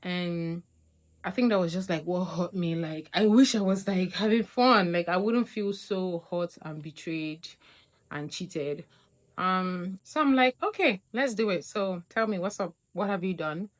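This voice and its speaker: Animated young woman telling a story. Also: a little slow. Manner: animated, acts out quotes with big pitch jumps. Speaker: vlogger. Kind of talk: casual storytime monologue.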